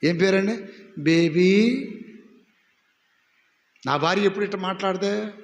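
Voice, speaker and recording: A man's voice: sits high, normal speed, a bit bright. A man preaching a sermon as pastor, putting rhetorical questions to his congregation. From India. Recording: echoey hall with long reverb.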